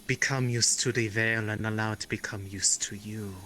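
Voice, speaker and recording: A man playing a guide who interprets the spirits, speaking in a measured, hesitant way. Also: fairly low pitch, steady tone, pushed and bright. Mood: guiding. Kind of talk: in-character roleplay.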